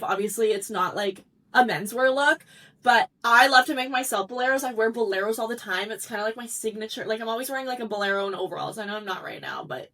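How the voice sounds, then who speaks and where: A young woman designer, a guest on an interview show, telling stories in a bubbly, animated way and acting out what people said. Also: a little high, distant mic. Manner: bubbly, animated storytelling, acts out quotes. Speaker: eliminated fashion designer guest. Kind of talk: casual interview chat.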